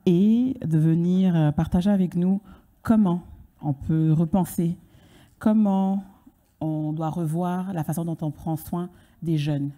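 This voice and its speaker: A woman host introducing the closing speaker on stage with a handheld microphone, slow and heartfelt. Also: low-pitched, dark tone. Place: conference stage.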